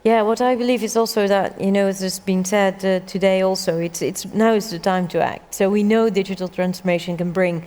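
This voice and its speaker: On a conference hall stage, a Dutch government minister talks conversationally in a panel discussion, using lots of fillers. Her mid-range voice is steady, brisk and a little mellow with few pauses, and the hall gives the recording a reverberant sound.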